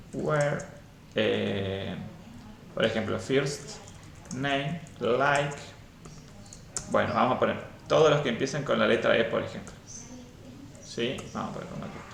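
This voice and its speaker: Gravelly-voiced man teaching a coding class. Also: mid-range voice, fairly bright tone, roomy sound. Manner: explanatory, keeps checking in with "¿sí?". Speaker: programming teacher. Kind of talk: live online class.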